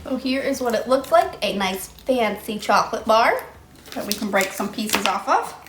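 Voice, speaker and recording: A woman's voice: on the high side, big pitch swings, normal speed, a bit bright. Upbeat young woman vlogging snacks. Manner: chatty and upbeat, fussing over a child. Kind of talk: casual snack taste-test vlog. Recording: echoey room, faint noise.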